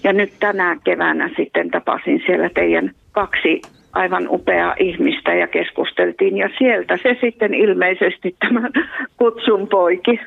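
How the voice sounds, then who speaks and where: Woman, Savo Finnish accent, earnest, laughs often, gravelly, thin phone-line sound. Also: fairly low pitch, fairly even intonation, no room sound. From Savo, Finland. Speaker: guest, evangelist and prayer line volunteer. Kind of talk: radio interview. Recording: tinny phone line, dry.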